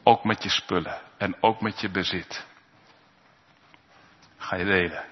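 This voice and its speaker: A male pastor preaching an impassioned sermon, swinging between loud appeals and hushed asides. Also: sits low, fairly even intonation, a little slow. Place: church. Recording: dull sound with long church reverb.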